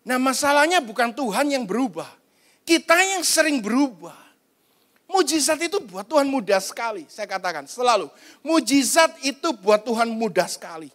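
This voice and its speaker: High-voiced man preaching conversationally. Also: sing-song, normal speed, a bit bright. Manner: conversational, colloquial preaching with slang; acts out quoted voices in passing. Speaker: pastor. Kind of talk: sermon at an online prayer service.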